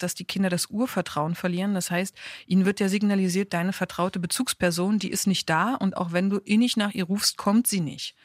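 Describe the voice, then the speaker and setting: A woman's voice: medium pitch, no echo. A woman in her thirties explains parenting matters in a casual, earnest chat, stressing the points that matter to her. Her voice sits in a middle register. It is recorded close and dry, with no room sound. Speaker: parenting podcast co-host.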